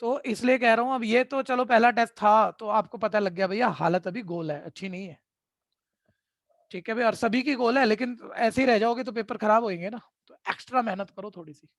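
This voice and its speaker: A man's voice: high-pitched, brisk, dry recording, clean studio sound. Stern male tutor lecturing students. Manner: keeps asking "ठीक है?" to check in. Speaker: math tutor. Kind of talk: online class lecture.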